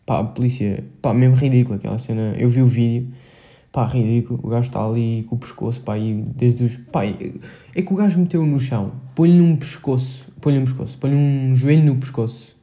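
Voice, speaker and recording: A man's voice: medium pitch, fairly quick, mellow. A teenage boy with a Portugal Portuguese accent, hosting a solo podcast in a rambling, hesitant way, full of filler words and slang. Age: teens. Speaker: podcast host. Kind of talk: casual solo podcast monologue.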